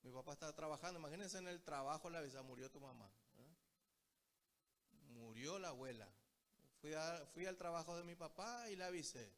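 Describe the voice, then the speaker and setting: On the high side and a bit bright, the voice belongs to a Paraguayan man leading a Bible study. He preaches through stories and addresses the congregation as brothers again and again.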